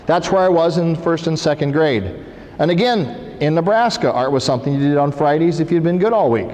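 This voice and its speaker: A man's voice: a little high, a little fast, a little mellow. Man speaking in a school hall. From Iowa, USA. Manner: conversational, asks the audience questions. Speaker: visiting guest speaker. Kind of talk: interactive talk to a school audience. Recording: reverberant 1990s hall recording with faint hiss.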